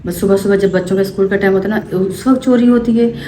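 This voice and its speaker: Animated Pakistani woman vlogger, echoey room. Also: mid-range voice. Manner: animated, quick to act out what happened. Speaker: family vlogger. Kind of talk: emotional storytelling to camera. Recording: echoey room with faint ambient noise.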